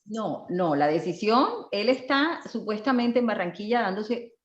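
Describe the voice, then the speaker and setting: A woman's voice: medium pitch, animated, a little slow, lo-fi sound. A woman with a Colombian accent, a mother, hesitantly sharing a personal prayer request in class, with many fillers. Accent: Colombian Spanish.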